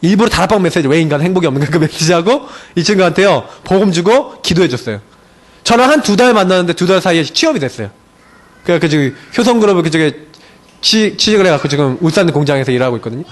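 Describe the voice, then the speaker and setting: A young male pastor preaches in a high, lively voice that swoops up and down. He slows right down to lean on key words, and he acts out quoted conversations with his friends. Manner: stretches key words slowly for emphasis. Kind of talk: afternoon sermon.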